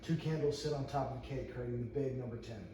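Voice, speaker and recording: A fast-talking man with a medium-pitched, dark voice reads screenplay stage directions aloud as narrator at a table read, stumbling and repeating phrases. The room is echoey, he's far from the mic, and there's faint noise.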